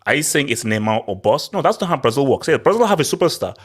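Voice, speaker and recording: A man's voice: mid-range voice, big pitch swings, fast. A man hosting a casual, opinionated football talk, speaking emphatically and repeating phrases for effect. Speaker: host of a football hangout.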